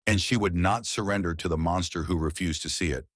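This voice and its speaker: A man narrating a romance story in a measured, dramatic storytelling manner. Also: low-pitched, husky, dry recording, clean studio sound.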